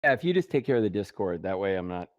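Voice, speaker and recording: A man co-casting a tank game match over voice chat, easygoing and quick to laugh. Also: sits low, very animated, no room sound, muffled recording. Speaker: co-caster. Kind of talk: esports commentary.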